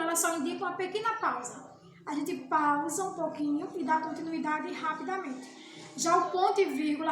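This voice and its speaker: High-voiced woman teaching grammar. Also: fairly bright tone. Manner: slow, patient explaining, with rhetorical questions and answers. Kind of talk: remote grammar lesson for children. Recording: echoey room with clear background noise.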